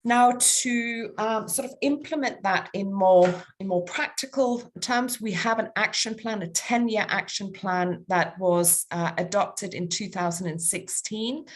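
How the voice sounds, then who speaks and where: A woman with a Danish accent giving a formal conference presentation, pausing often with ums and uhs as she works through numbered points. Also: mid-range voice. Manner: halting, many ums and uhs, lists points. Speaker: conference speaker.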